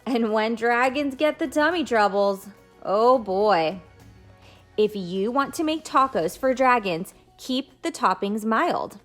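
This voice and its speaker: Reading a picture book to young children, a woman speaks to them directly, asking questions and explaining things in simple words. She sounds a little high and expressive and speaks slowly, with faint music behind her.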